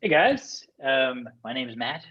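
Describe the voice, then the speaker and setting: A man's voice: medium pitch, sing-song, a little slow, bright, forceful tone, breathy edge. A man from the United States introducing himself on a panel in a friendly, easygoing way. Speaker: panelist, operations executive. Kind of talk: casual panel talk. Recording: dull lo-fi video call audio.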